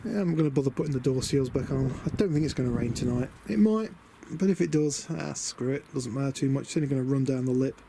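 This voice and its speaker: A British man rattles along fast with hardly any pauses, his medium-pitched, dark voice showing vocal fry. Giving casual, rambling, understated vlog commentary and muttering to himself, the DIY vlogger shows a camper van conversion outdoors by a van beside a house. The noisy outdoor camera recording carries wind noise.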